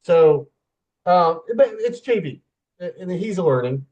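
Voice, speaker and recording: Male podcast host and coach, slightly high voice, loose and rambling. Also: lively intonation, slow, darkish tone, muffled recording. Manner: rambling, trailing off, laughing at himself. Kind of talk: casual podcast chat.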